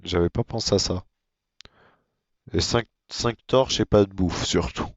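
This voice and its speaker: A man giving casual, monotone commentary on his own gameplay, with self-mocking asides. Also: deep voice, a little slow, no echo, muffled recording. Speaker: gaming video creator.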